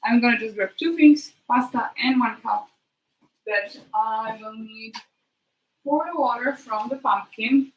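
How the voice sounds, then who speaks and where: A woman chatting casually to her live stream while she cooks, thinking aloud in a halting way and trailing off. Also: fairly high pitch. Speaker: streamer hosting a live cooking chat. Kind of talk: casual chat while cooking. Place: kitchen, next to the sink. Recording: noisy kitchen with clicks. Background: cooking noises and clicks.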